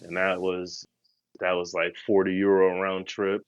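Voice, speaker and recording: A man's voice: sits low, completely flat delivery, measured pace, clear, resonant tone, dry recording. A man co-hosting a podcast, telling travel stories in a slangy, laid-back, rambling way. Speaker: podcast co-host. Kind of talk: casual travel storytelling.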